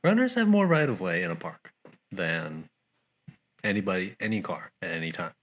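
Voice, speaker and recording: A man's voice: deep voice, sing-song, moderate pace, fairly bright tone. A man co-hosting a casual chat, mostly listening with short encouraging replies. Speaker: podcast co-host.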